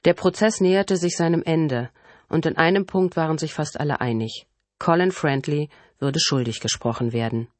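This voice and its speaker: Lady reading an audiobook, steady and even, dry close sound. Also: sits low, no room sound. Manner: calm, measured storytelling. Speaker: audiobook narrator. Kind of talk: scripted first-person narration.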